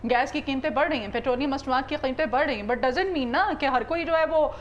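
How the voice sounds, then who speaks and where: This is a woman with a high voice, hosting a morning current-affairs show. She presses her guests with direct questions. Between questions she keeps up a steady run of short acknowledgments. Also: fairly quick, lo-fi sound, a little hiss or hum. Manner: probing, presses with pointed questions, frequent short backchannels. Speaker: talk show host.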